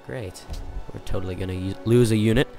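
A young man casually commentating his strategy game, excitable and jokey, thinking out loud. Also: fairly low pitch, a little fast. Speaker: gaming channel host. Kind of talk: let's play commentary. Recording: game music playing behind.

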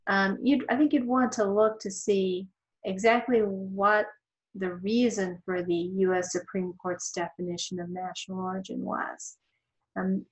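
A female law instructor narrates a slide lecture, explaining thoughtfully while pausing with ums and restarting sentences. She has a mid-range voice, and the recording is rough.

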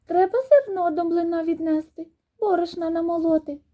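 A woman voicing a pair of lazy, playful little mice in a storybook tale, with high, squeaky, piping voices. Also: steady tone, moderate pace, dark tone.

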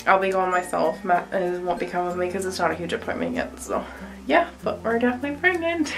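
A woman's voice: fairly low pitch, big pitch swings, fast talker, gravelly, rough recording. A young woman with a cold, vlogging casually at home into a phone camera, chatting with lots of "um" and "like". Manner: chatty, many fillers like "um" and "like". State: has a cold. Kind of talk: casual vlog. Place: home bathroom. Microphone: handheld phone camera.

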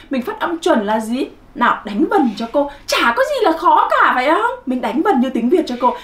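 Lively, high-voiced woman teacher, echoey room. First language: Vietnamese. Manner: animated, coaxing, drills sounds in repetition. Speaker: English pronunciation teacher. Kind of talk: children's English lesson.

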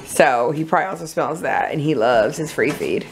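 A woman's voice: low voice, animated, moderate pace, creaky, noisy background. A young woman, chatting casually and rambling on camera for her vlog, often giggling. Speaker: vlogger.

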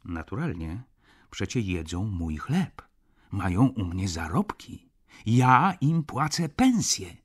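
An arrogant, easily offended male shop owner, as a male audiobook reader puts him on. He talks loud and huffy, pitched a little above the reader's husky baritone. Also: very animated, slow pace, no echo, clean studio sound, heavily acted. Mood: boastful.

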